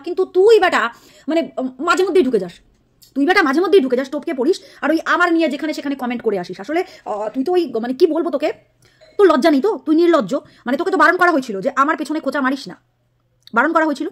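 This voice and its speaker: Woman vlogger with a high voice, scolding and mocking a rival straight to camera. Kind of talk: angry direct-to-camera rant.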